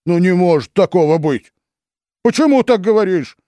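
An anguished churchman, as a male narrator performs him, begging in disbelief and then roaring in outrage. The pitch jumps high and the delivery is wide-ranging. Close, dry audiobook sound. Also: lively intonation, moderate pace, dry recording. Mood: pleading. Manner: pleading, then shouting in anger.

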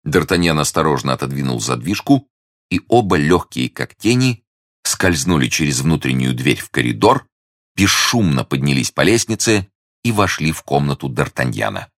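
Deep-voiced male reader for classic fiction audiobook, measured and even, dry studio sound. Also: no room sound. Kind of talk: literary audiobook narration.

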